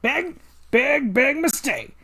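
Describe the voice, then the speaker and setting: A man's voice: extremely high pitch, animated, takes it slowly, creaky, sharp tone, pitched above the performer's own voice, full character voice. A man voicing cocky, wisecracking young animal heroes in a brash, punchy comic read-along. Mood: taunting.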